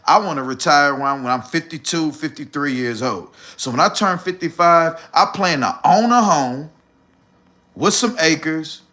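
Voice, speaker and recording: A livestream host in his 40s talks bluntly and preachily on a casual stream, swearing freely and calling the listener "bro." His voice is on the high side and sharp, at normal speed.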